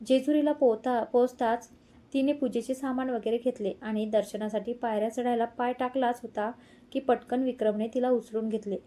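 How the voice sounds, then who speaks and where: A woman narrating a romantic story in a steady, gentle reading voice. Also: a little high, moderate pace.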